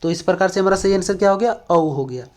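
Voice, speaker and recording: A man from Jharkhand, India, speaks fast in a high voice while teaching an exam-prep language lesson. He explains step by step, using lots of fillers and repeatedly asking the class questions.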